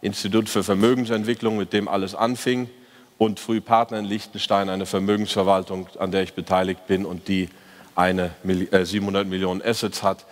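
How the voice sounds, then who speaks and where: A man's voice: sits low, little pitch movement, fairly quick. A man giving a conference talk as a fund manager, reviewing the market year in an opinionated, ironic way with frequent hesitations. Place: conference hall, on stage. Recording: reverberant conference hall.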